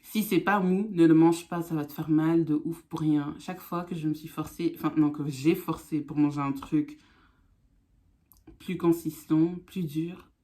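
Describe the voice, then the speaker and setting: A woman's voice: sits low, steady tone, moderate pace, dark tone. A woman vlogger chatting casually to camera, her speech affected by newly fitted braces.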